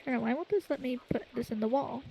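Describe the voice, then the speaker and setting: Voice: sits high, brisk, creaky, a crowd in the background, poor audio. A casual gaming partner chatting through a co-op game, dry and teasing.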